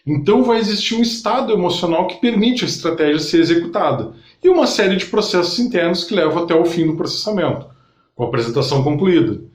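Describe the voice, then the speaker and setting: Guy explaining stuff to camera, kinda high voice, echoey room. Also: animated. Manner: didactic, addresses the viewer directly, pauses to list steps. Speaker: NLP instructor. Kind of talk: explanatory online lesson to camera. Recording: roomy echo.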